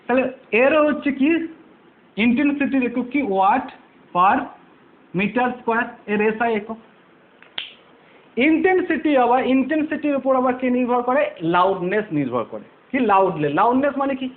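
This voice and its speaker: A man with a very high voice teaches physics, walking through each idea patiently. He keeps asking rhetorical questions and answering them himself, repeating the key words. The audio is thin and phone-like. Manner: repeats key terms, patient step-by-step explaining. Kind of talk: online physics lesson.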